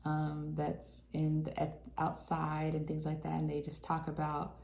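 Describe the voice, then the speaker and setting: A woman's voice: low-pitched, completely flat delivery, a little slow, creaky, darkish tone, echoey room. A woman co-hosting a podcast, chatting casually about a reality show with many fillers and laughs. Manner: chatty, lots of fillers and laughs, acts out quotes. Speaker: podcast co-host.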